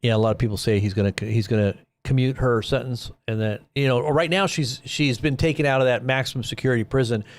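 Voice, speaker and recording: A man's voice: medium pitch, fast, hardly any pauses. A man hosting a live news commentary stream, talking casually and rambling with fillers, often sounding incredulous. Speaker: host.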